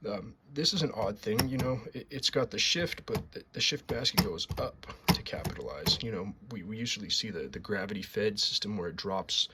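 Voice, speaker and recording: Casual male restorer, lowish voice, chatty and repetitive, noisy room with typing clicks. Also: moderate pace, few pauses. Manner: rambling, repeats words, enthusiastic. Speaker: typewriter restorer. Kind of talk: casual show-and-tell.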